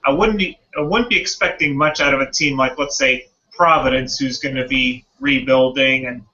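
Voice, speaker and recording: A man with a bright, mid-pitched voice gives measured, matter-of-fact takes on a sports panel. The recording sounds muffled and lo-fi. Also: steady tone. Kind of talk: roundtable sports talk.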